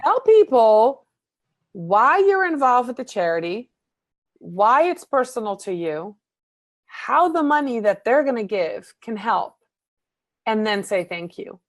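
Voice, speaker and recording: A woman's voice: fairly high pitch, a little slow, dry recording. Chatty Dutch woman, dry sound. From Netherlands. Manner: chatty, animated, fills with "um" and "you know". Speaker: guest marketing coach. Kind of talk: casual video interview.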